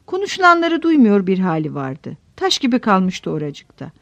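A woman's voice: medium pitch, wildly swooping pitch, moderate pace, vocal fry, no room sound. A woman narrating a story in a dramatic, scripted reading style. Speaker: audiobook reader. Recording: dull lo-fi dry recording.

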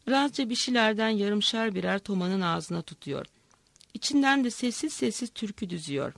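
A woman's voice: medium pitch, lively intonation, moderate pace, vocal fry, no room sound. Woman reading a village story aloud. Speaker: narrator.

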